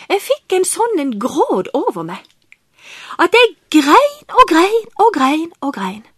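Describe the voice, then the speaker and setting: A woman's voice: high-pitched, no echo, studio quality. A woman telling a personal faith story as an interview guest, earnest and full of fillers, acting out her own prayers as she goes. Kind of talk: personal testimony in conversation.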